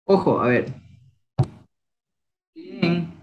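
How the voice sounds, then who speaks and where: A man's voice: a little high, animated, extremely slow, muffled recording, crowd noise. Upbeat young man quizzing a class. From Ecuador. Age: young adult. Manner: encouraging, coaxing questions. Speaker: Kichwa language teacher. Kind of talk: online class, quizzing students.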